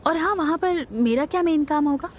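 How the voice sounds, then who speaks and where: A woman's voice: sits high, brisk, slight background noise, natural voice. A woman voicing a chirpy curious young woman. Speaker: dub actor.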